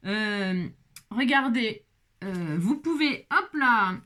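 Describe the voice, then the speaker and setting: A woman's voice: mid-range voice, lively intonation, drawn-out words, sharp tone. A woman chatting casually through a crafting tutorial, exclaiming often and dropping little interjections as she works. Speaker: crafting vlogger.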